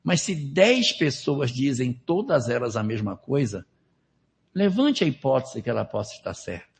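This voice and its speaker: A man's voice: mid-range voice, very animated, moderate pace, gravelly. A man lecturing at a spiritist seminar in a conversational way, with rhetorical questions and numbered steps. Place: lecture hall at a spiritist center.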